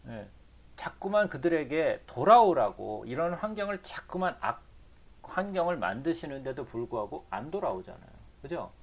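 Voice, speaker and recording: Guy teaching bible study, reads verses then quizzes himself, raspy voice. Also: fairly high pitch, big pitch swings, moderate pace. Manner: asks rhetorical questions and answers them himself; reads scripture aloud between explanations.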